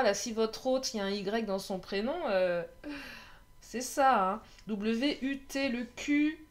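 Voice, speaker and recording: A woman's voice: fairly high pitch, slight background noise. A woman giving a casual tarot reading, chatty, laughing often and joking about herself. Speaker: tarot card reader.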